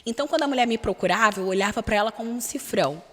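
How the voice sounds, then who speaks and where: A woman's voice: a little high, lively intonation, very fast, fairly bright tone, long reverb tail. A Brazilian woman, a relationship mentor, talking frankly and expressively as a podcast guest and acting out quoted voices. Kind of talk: candid podcast interview talk. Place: recording studio.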